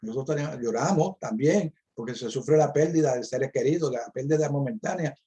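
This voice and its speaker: Mellow-voiced man discussing scripture. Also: medium pitch, fairly quick. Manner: preacherly, quotes scripture and stresses key words. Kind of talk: Bible discussion.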